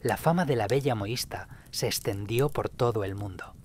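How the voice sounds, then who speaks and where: A man's voice: lowish voice, normal speed, slight background noise, natural voice. A man voicing a grave, fatherly old sage. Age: older. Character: wise old man in a caravanserai.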